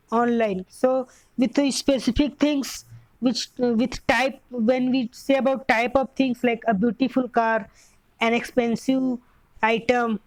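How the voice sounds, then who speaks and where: A young woman teacher with an Indian English accent, giving a grammar lesson slowly, often repeating and correcting herself. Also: fairly high pitch, no echo, low-quality recording.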